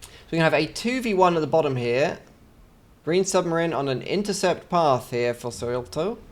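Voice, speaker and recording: Casting a strategy game, a man from England mixes play-by-play with jokey, chatty asides. His voice is on the high side and expressive, delivered at normal speed.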